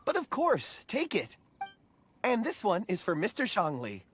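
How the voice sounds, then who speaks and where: A man voicing a gentle, polite young man in a video game, courteous and wistful in manner. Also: sits high, huge pitch swings, measured pace, slight background noise, exaggerated voice. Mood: warm, grateful. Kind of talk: video game dialogue acting.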